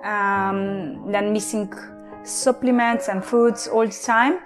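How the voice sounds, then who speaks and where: Give me a young Hungarian-accented woman from Romania telling her life story haltingly over faint music. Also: medium pitch, steady tone. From Romania, Transylvania. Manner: halting, many fillers and restarts. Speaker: guest. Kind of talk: personal testimony interview.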